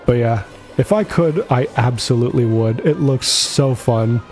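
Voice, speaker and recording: A streamer gives casual, jokey livestream commentary on a video game, chuckling often. His voice is medium-pitched and darkish, delivered at a measured pace, with game music behind it.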